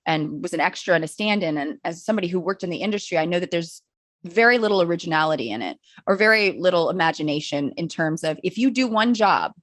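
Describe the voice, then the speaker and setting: A woman on the lower side of the female range chats as a guest, animated and playful with quick jokes and restarts. The sound is close and dry, with no room around it. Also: no room sound. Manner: animated, joking, lots of restarts and fillers. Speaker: podcast guest. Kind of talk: casual conversation.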